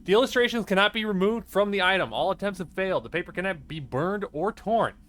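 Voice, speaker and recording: A man live-streaming a game, reading in-game documents aloud in a steady, deadpan way. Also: sits high, fast, slight background noise. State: out of breath.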